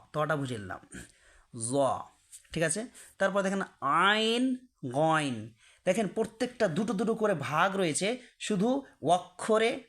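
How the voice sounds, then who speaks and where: A man teaching Arabic letters, repeating each sound slowly and deliberately for learners to follow. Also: high-pitched. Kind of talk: slow pronunciation lesson.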